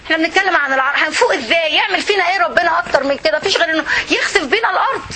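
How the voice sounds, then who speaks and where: A woman's voice: very high voice, lively intonation, rapid-fire, bright, forceful tone, slight background noise. A woman with an Egyptian Arabic accent, giving a religious lesson to a women's circle in an impassioned way, full of rhetorical questions. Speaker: religious teacher.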